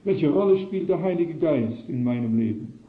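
A man's voice: fairly high pitch, expressive, normal speed. A man preaching a sermon in an earnest manner, posing probing rhetorical questions to his listeners. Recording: echoey, phone-like lo-fi recording.

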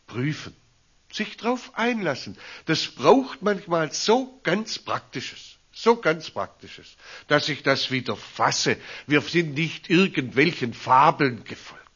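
A man, a pastor preaching a storytelling sermon in a slow, deliberate way. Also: fairly high pitch, slightly rough. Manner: slow, deliberate, animated rises and drops. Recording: dull lo-fi recording.

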